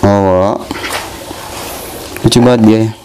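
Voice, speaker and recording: A low-pitched man, chatting loosely to his viewers and cooing at his birds. The phone recording is noisy, with bird calls and clicks all around him. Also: steady tone, a little slow. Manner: chatty, coaxing animals in a raised playful voice. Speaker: pet bird keeper and channel host. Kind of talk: casual vlog talking to viewers and his birds. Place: at home among bird cages. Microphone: phone camera.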